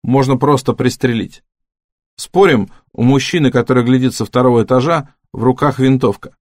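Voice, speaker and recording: A man reading the lines of a calm, practical woman who leads a group, in his own near-plain voice. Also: mid-range voice, moderate pace, dry recording, studio quality, natural voice.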